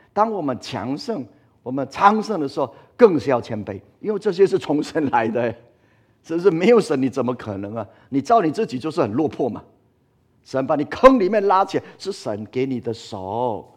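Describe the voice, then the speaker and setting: A man's voice: medium pitch, breathy edge. A male pastor preaching a sermon, emphatic and full of rhetorical questions to his congregation.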